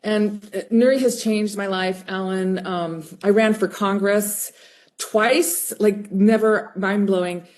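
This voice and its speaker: A woman's voice: medium pitch, fairly even intonation, slow, a little mellow. A woman teacher on a video call, talking in a rambling, raw and heartfelt way. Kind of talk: emotional casual chat.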